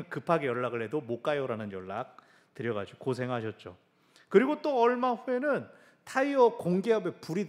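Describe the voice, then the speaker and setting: A male pastor preaching a sermon in a church, telling stories lively and mimicking sounds with his mouth. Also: mid-range voice. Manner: animated storytelling with sound effects.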